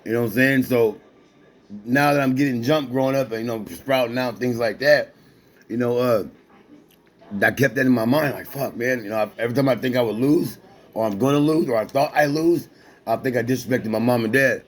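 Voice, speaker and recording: A man in his forties, an amateur boxer, rambles casually to a companion in loose, repetitive street slang, restarting often. His mid-range voice is brisk.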